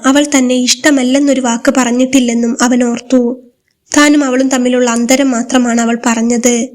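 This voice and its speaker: A woman storyteller giving a steady, scripted narration of a love story. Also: fairly high pitch.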